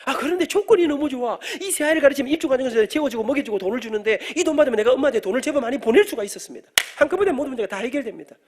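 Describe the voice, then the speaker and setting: A middle-aged man, preaching an animated storytelling sermon in a church and joking with the congregation. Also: extremely high pitch, very fast, few pauses, slightly rough. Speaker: guest preacher, professor. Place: church sanctuary.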